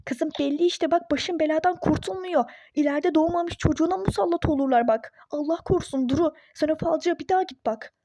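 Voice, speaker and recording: A woman's voice: sits high, a little fast, hardly any pauses, warm tone. A woman voicing a meddling, superstitious young woman friend in a phone-game role-play story, nagging and insistent.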